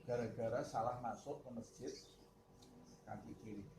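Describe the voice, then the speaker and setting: A man's voice: medium pitch, steady tone, moderate pace, recorded from a distance, natural voice. A man voicing a remorseful male religious teacher who weeps over entering the mosque with the wrong foot. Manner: tearful, regretful. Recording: roomy with background noise.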